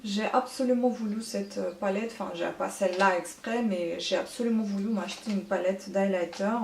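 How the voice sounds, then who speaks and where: A woman's voice: medium pitch, moderate pace, vocal fry, a little hiss or hum. Chatty woman in an echoey room. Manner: chatty, many hesitant fillers. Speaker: beauty vlogger. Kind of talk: casual makeup haul chat.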